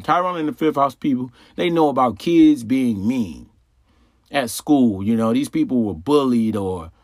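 A man with a medium-pitched voice hosts an astrology channel, talking casually and conversationally in an explanatory monologue, repeating phrases and tossing out rhetorical questions. The recording is clean studio sound with no echo.

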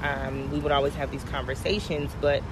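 A woman's voice: a bass voice, flat delivery, brisk. A woman hosting a podcast in a casual, friendly, conversational way, speaking directly to her listeners. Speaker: podcast host. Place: outdoors on location, traffic behind. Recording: outdoor location with clear traffic noise.

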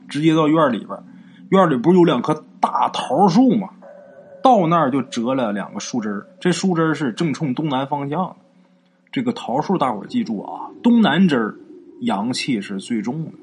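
A man telling a folk ghost story in a relaxed, chatty way, drawing out his sentence-final particles. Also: mid-range voice, a little hiss or hum. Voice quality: conversational, drawn-out particles.

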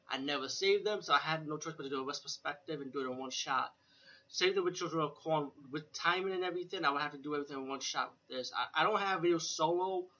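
With a fairly high, bright and forceful voice, a man hosts an unscripted horror film retrospective review that is casual, rambling and repetitive. He swears now and then and leans on "you know." The room has a fan or air conditioning running, heard on a dull, lo-fi recording.

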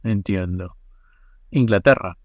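A man hosting a casual podcast interview, asking quick questions in a relaxed way with many fillers. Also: low voice, no echo. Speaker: podcast host.

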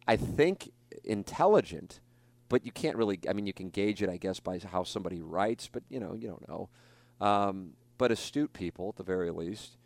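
A man's voice: on the low side, no room sound. A man hosting a talk show, chatting casually and rambling, with many restarts and fillers. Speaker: radio show host.

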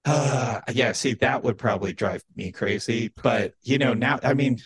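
A man's voice: medium pitch, moderate pace, gravelly, husky, no room sound. A man talking through a voice changer that disguises his voice, a podcast guest chatting casually with dry, wry humor. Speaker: podcast guest, entertainment data analyst.

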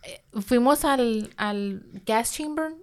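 A woman's voice: a little high, slow pace, clean tone. Slangy woman in casual chat. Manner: slangy, mixes in English words. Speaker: podcast co-host. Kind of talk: casual true-crime podcast chat.

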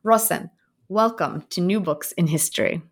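Lady hosting a history book podcast, lowish voice, formal and measured. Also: breathy edge. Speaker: podcast host. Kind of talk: academic interview.

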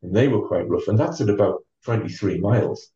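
Low, mellow man telling a long story. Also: far from the mic. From North East England. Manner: measured, with many ums and restarts. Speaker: interview guest, former marathon runner. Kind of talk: relaxed storytelling. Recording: dull, roomy sound from off the mic.

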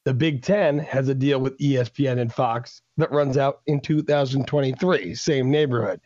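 A man's voice: medium pitch, moderate pace, a little mellow, no echo. 30s guy asking the questions on a sports pod, mid voice, dry dull sound. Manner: asks questions, reads details out methodically. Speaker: podcast co-host. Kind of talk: casual sports talk.

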